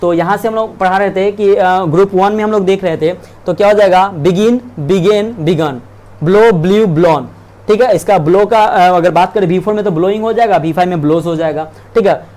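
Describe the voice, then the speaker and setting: A man's voice: sits high, fairly quick, a little mellow. A young man giving an online English grammar lesson, reading verb forms aloud, often repeating himself and correcting slips. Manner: reads word lists aloud, repeating and self-correcting; keeps checking in with "theek hai".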